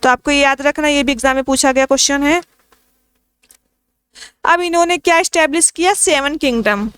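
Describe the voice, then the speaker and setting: A woman's voice: high voice, moderate pace, fairly bright tone, no echo. A woman teaching an exam-prep literature lesson, asking questions and answering them herself, repeating key points and reading English lines into her explanation.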